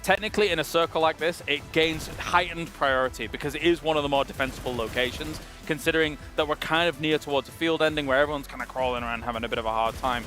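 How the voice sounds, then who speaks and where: A man on an esports analyst desk with a slightly high voice. He weighs team positions in a measured, considered way. The broadcast studio has faint music in the background. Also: sharp tone.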